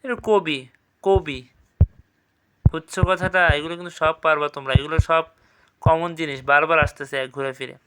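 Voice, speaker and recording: A man teaching an exam revision class, repeating each word slowly and checking with quick questions. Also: on the high side, steady tone, fairly bright tone, a little hiss or hum.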